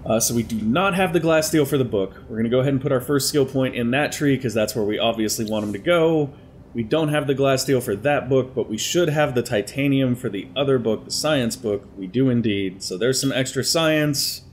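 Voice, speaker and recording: A young man with a medium-pitched voice talks fairly quickly into a headset mic while playing a strategy game, slightly congested from allergies. As a gaming commentator doing let's play commentary, he chats and thinks aloud about his moves. There's slight background noise.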